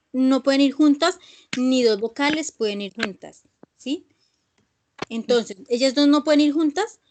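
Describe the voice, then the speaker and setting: Woman teacher, higher-pitched, patient, explains step by step and checks in often. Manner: patient, repeats points with frequent "¿sí?" checks. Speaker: English teacher. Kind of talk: online class explanation.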